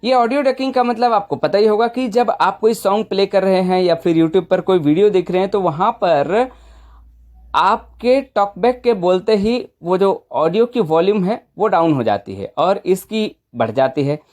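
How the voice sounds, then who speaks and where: A woman's voice: medium pitch, moderate pace, darkish tone. Conversational woman giving a phone tutorial. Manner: conversational, often seeks confirmation with short tag questions. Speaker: tutorial presenter. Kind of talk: informal step-by-step phone tutorial.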